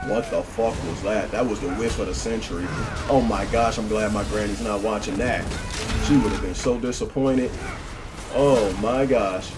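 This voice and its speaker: A man giving excitable, trash-talking live commentary while streaming a game, swearing and bursting into laughter. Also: fairly low pitch, moderate pace. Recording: noisy background.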